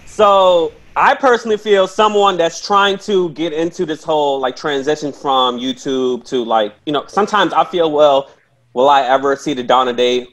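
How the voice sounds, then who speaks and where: A man's voice: fairly high pitch, moderate pace, fairly bright tone. A man in his twenties hosting an interview, talking in a rambling, hesitant way with many fillers. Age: 20s. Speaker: interviewer, YouTube host. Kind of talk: casual interview.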